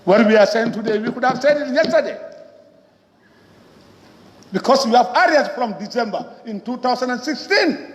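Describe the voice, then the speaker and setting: A woman's voice: a little high, expressive, normal speed, pauses often. A woman member of parliament with a Gambian accent gives an emphatic, rhetorical parliament speech, repeating phrases for weight. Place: large parliament chamber. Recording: echoey, reverberant hall, muffled.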